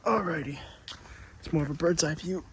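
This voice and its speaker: A man's voice: on the high side, normal speed, background noise. Breathless young man vlogging on a long walk. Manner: chatty, easily amazed, self-joking. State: out of breath from walking. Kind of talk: casual walk-and-talk vlog. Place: outdoors on a trail and city streets.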